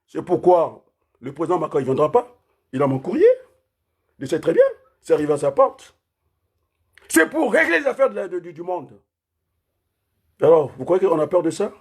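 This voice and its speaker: A man delivering an impassioned political rant, firing off rhetorical questions and repeatedly raising his voice almost to a shout. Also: on the high side, husky. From Republic of the Congo. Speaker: political commentator.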